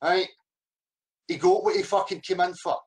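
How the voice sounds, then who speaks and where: A man's voice: sits high, steady tone, moderate pace, low-quality recording. A man ranting to camera in a heated, confrontational way, swearing constantly. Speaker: vlogger. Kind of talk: angry rant to camera.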